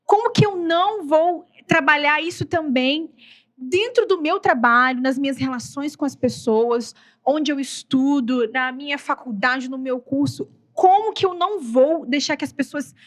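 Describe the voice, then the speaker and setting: A woman's voice: high voice, measured pace. A Brazilian woman hosting a podcast interview, an attentive listener with frequent short affirmations. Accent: Brazilian Portuguese. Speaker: podcast host.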